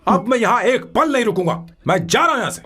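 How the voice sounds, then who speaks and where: A husky lovesick young boss. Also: male voice, very high-pitched, animated, quick pace, pushed and bright, exaggerated voice. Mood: indignant. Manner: pleading then indignant. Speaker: film character. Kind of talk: dubbed film dialogue. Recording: film soundtrack with faint music.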